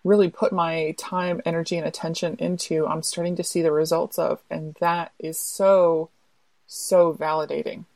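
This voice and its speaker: Chatty lady author on a podcast, lowish voice, dry close sound, tells stories. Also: moderate pace, no echo. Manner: chatty, animated, restarts phrases. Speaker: guest author. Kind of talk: casual podcast chat and storytelling.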